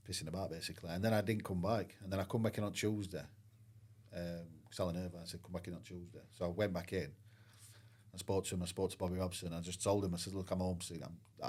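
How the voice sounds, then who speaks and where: A man's voice: low-pitched, darkish tone. A middle-aged former footballer, telling his story in a candid, rambling way. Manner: candid, rambling, frequent "I says" and "like". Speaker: guest, former professional footballer. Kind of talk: casual storytelling interview.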